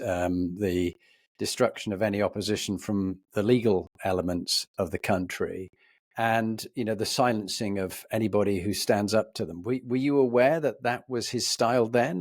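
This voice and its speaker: A man hosting a leadership podcast, introducing his guest and asking long, formal questions in a measured way. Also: on the low side, dry recording, studio quality. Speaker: podcast host. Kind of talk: podcast interview.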